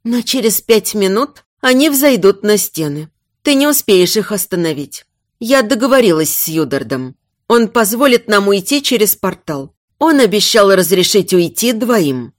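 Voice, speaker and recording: A woman's voice: mid-range voice, sing-song, moderate pace, no echo, studio quality. A woman voicing a desperate young queen who pleads in a raised voice, near tears. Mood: frantic.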